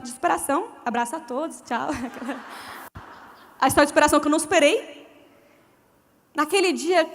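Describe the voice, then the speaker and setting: A woman's voice: sits high, a bit bright. A woman preacher telling a humorous personal testimony in a sermon, acting out the dialogue she quotes. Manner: storytelling, acts out quoted dialogue. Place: church event stage. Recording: church hall with long reverb.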